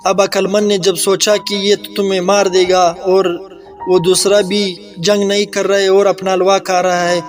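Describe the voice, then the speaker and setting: High, flat-voiced man telling a folk tale. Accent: Pakistani Urdu. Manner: plain, conversational retelling with restarts. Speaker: storyteller. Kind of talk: casual oral storytelling.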